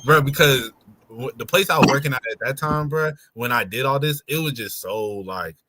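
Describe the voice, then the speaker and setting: A podcast co-host chatting loosely, telling a long work story with lots of fillers. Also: male voice, medium pitch, normal speed, heavy background noise. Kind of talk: casual chat.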